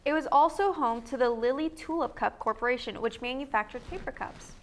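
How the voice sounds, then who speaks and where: A woman's voice: sits high, fairly quick. A young woman co-hosting a student local news feature, reading an upbeat, jokey script with small stumbles. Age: young adult.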